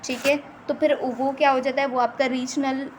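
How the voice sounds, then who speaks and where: A woman from Pakistan teaching a lecture on English dialects, explaining in Urdu with English terms and slowly reading out English passages. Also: high-pitched, flat delivery, slight background noise, poor audio. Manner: often adds "theek hai" between points.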